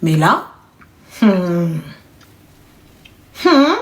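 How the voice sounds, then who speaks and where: A woman's voice: on the low side, very animated, drawn-out words, echoey room. A woman in her thirties hosting a live stream and taking callers, talking in a casual, teasing and joking way. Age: 30s.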